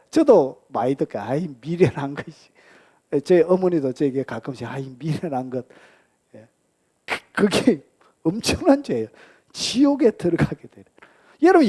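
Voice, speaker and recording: A male pastor with a Gyeongsang accent preaching a sermon, asking the congregation questions and answering them himself, acting out angry outbursts and dropping at times to a whisper. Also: high voice. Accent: Gyeongsang Korean. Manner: acts out angry outbursts, shifts between loud and whispered lines.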